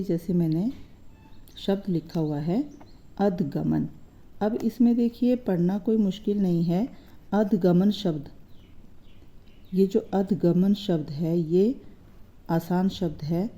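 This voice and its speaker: A woman's voice: lowish voice, warm tone. A woman teaching a lesson, explaining word meanings patiently and asking and answering her own questions. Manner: patient, repeats words slowly, asks and answers own questions. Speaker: Hindi teacher.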